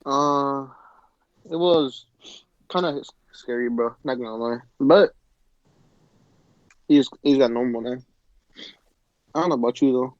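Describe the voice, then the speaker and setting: A man's voice: mid-range voice, measured pace, long pauses, no room sound. A teenage boy teases and jokes in loose slang during a casual podcast chat. His audio is dull and lo-fi, and it sounds completely dry. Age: teens. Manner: joking, teasing slang. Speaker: podcast co-host.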